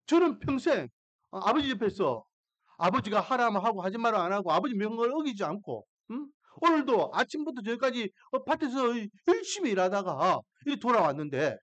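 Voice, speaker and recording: 설교 중 한 남자 목사가 억울해하는 큰아들을 연기하며, 따지고 항의하는 말투로 말한다. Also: male voice, darkish tone, slightly rough, heavily acted. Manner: complaining, indignant, rising pitch. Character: resentful elder son, indignant grown man.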